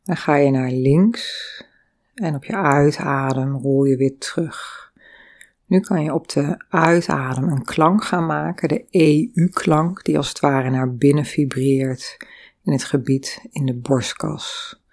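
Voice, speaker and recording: A woman with a low voice talks slowly through a guided breathing and body exercise. She hums long, resonant vowel sounds between calm instructions. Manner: calm, slow guiding with sung vowel sounds.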